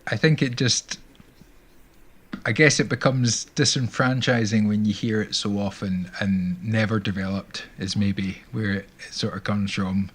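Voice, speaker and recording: A man's voice: fairly low pitch, fairly even intonation, unhurried, husky. Laid-back man hosting a music stream. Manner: rambling, restarts and laughs. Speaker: stream host. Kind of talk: casual chat.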